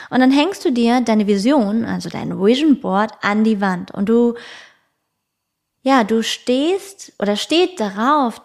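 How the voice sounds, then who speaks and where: A woman hosting a podcast in a calm, reflective spiritual tone, speaking straight to the listener and sometimes dropping to a soft whisper. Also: a little high. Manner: calm, slow, addresses the listener directly, drops into soft whispers. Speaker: podcast host.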